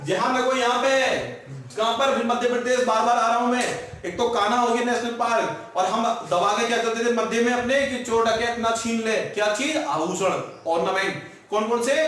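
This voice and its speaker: A man with a very high voice gives an exam-prep lecture. He keeps asking his students questions and answering them himself. He sounds far from the mic, in a strongly echoing room. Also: a bit bright. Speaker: teacher.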